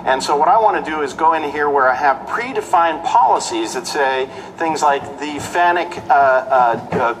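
Middle-aged man demonstrating software on stage. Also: fairly high pitch, moderate pace, few pauses, a little hiss or hum, poor audio. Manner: steady, step-by-step explanation. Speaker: product demonstrator. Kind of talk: live technical demo. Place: large conference stage.

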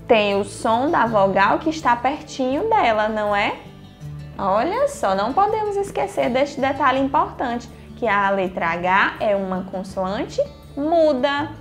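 A woman teaching young children, speaking gently and encouragingly, asking questions and answering them herself. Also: on the high side. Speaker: primary school teacher. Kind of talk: slow, sing-song lesson for young children.

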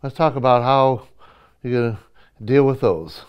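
A man's voice: mid-range voice, a little slow, clean tone. Man, mid-range voice, host, asks questions, steers topics, studio set. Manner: moves the talk along with questions. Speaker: talk show host. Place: talk show studio set.

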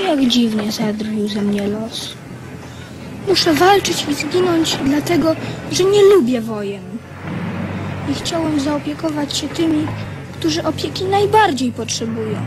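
A woman's voice: high-pitched, animated, a little slow, over music, poor audio. A woman playing a brave, idealistic young boy king in a radio drama, earnest, dramatic and commanding. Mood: solemn, bitter.

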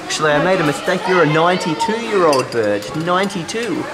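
Lively family vlogger over loud road noise. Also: mid-range voice, fairly quick. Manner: casual, asks questions from behind the camera. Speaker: family vlogger filming the day. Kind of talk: casual vlog narration. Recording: loud background noise, outdoors and car.

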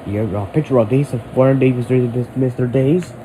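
A man in an angry, heated rant, yelling and swearing. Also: medium pitch, normal speed, slight background noise, poor audio.

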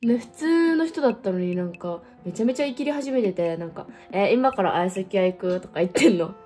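A woman's voice: on the high side, expressive, fast talker, mellow, faint music behind. A woman of about twenty talking casually to camera as a vlogger, rambling with lots of fillers and playful self-mocking asides. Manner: rambling, chatty, with frequent fillers. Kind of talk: casual solo chat to camera.

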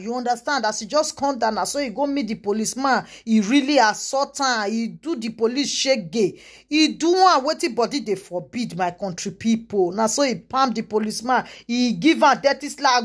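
A woman with a Nigerian Pidgin accent, telling a gossip story to her viewers in a lively, exclaiming way with repeated asides. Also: on the high side. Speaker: vlogger. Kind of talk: casual gossip commentary.

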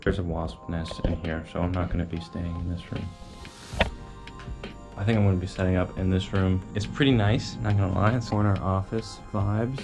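Low, even-voiced young man vlogging. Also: normal speed. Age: 20s. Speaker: urban exploration vlogger. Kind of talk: casual vlog narration to camera. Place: abandoned derelict building and its grounds. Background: music.

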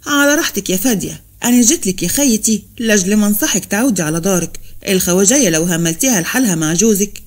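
A woman's voice: mid-range voice, animated, fast talker, few pauses, close to an everyday voice. A woman reading as a scheming village schemer with an Upper Egyptian accent. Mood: coaxing.

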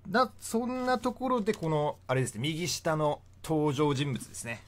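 Man in his young adult years, relaxed and talkative as a history explainer, lively up-and-down delivery. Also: fairly high pitch, normal speed. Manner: chatty, laughs often between points. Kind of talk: casual history lecture.

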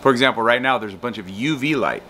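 Outdoors on a backyard patio and garden, a man in his thirties delivers a recorded psychology lecture, using a guitar and a whiteboard to explain his points. He talks fast in a bright, forceful mid-range voice, with slight background noise.

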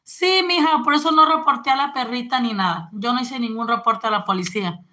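A woman's voice: fairly high pitch, brisk, sharp tone. A woman, chatting casually on a live stream and greeting viewers. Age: 40s.

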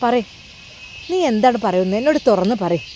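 Pushy teasing girlfriend, read by a woman, keeps pressing, highish voice. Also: animated, a little fast, warm tone, slight background noise, natural voice. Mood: coaxing. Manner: coaxing and insistent.

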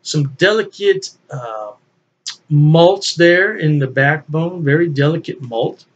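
In a relaxed solo video, an older beer reviewer works through a tasting at his desk, folksy and unhurried, with occasional chuckles to himself. His voice is a little high for a man. The indoor home office is full of beer memorabilia, and his desk webcam makes the audio somewhat dull and lo-fi.

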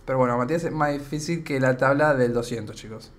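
A young man with an Argentine accent chats casually on a live stream, rambling and reading viewers' comments aloud. His medium-pitched voice moves fast and sounds a bit worn out.

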